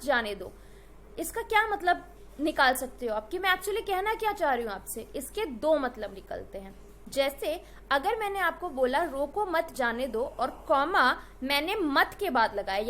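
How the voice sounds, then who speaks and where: A woman with a high, light voice giving an exam-prep lecture. She explains ideas through everyday examples and moves easily between Hindi and English. She often checks in with her listeners as she goes. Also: a bit bright. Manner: checks in with "right?" and "ठीक है?". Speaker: teacher.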